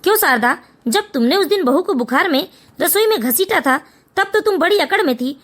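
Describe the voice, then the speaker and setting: Older father-in-law voiced by a woman, high pitch, bright tone, blunt, scolding, cartoon story. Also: lively intonation, a little fast. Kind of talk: animated storytelling voice acting.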